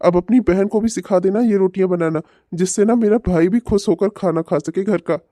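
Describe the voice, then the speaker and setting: A woman's voice: mid-range voice, brisk, warm tone, dry recording, studio quality, natural voice. A woman voicing an eager, loving young man in a cartoon, talking earnestly and pleading. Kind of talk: cartoon voice acting.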